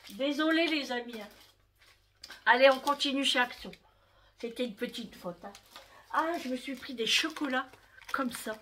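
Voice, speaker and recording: A woman's voice: a little high, pushed and bright, slight background noise. A woman casually showing her shopping haul to her viewers, chatting to them directly and often tagging "hein" onto her sentences. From France. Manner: chatty, talks straight to viewers, fond of "hein".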